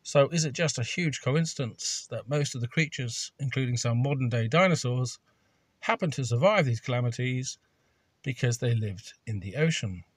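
A man's voice: medium pitch, lively intonation, moderate pace, breathy edge, no echo. A man reading a scripted voice-over with dry, sardonic humour. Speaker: video narrator.

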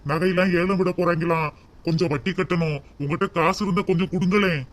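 A man's voice: sits high, steady tone, fast talker, lightly acted. A man voicing a meek grown son in a cartoon, pleading for money, with a Kanyakumari Tamil accent.

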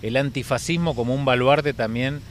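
A male interviewer speaks at an ordinary pitch, feeling his way through a question with halting restarts. Faint outdoor noise sits behind him. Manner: searching, hesitant phrasing.

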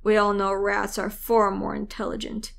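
A woman's voice: medium pitch, monotone, moderate pace, creaky, slight background noise. Brief: sneering smug male rat shifter, dry mockery, read by a woman narrator. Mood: mocking. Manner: mocking, dry.

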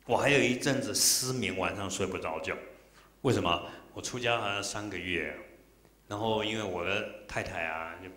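A man's voice: lowish voice, a bit bright. A middle-aged man, a Buddhist monk, giving a dharma talk full of personal stories, emotional and acting out the dialogue. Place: temple lecture hall. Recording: roomy hall echo.

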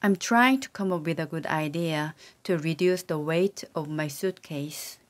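The voice is a woman's, created by AI, low in pitch and measured in pace as it reads sentence drills for learning a language. Each repeated sentence comes out evenly and carefully.

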